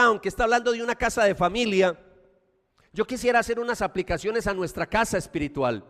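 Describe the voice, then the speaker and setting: Animated Paisa pastor preaching in a hall. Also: male voice, sits high. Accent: Colombian Paisa. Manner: animated preaching, swings from loud emphasis to quiet asides. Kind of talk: sermon.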